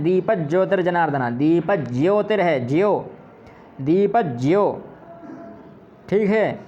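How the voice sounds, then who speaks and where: A man teaching pronunciation who repeats words slowly and patiently, often asking questions and answering them himself. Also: a little high, darkish tone, dull audio, slight background noise. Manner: asks and answers his own questions. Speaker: Sanskrit teacher. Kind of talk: pronunciation lesson.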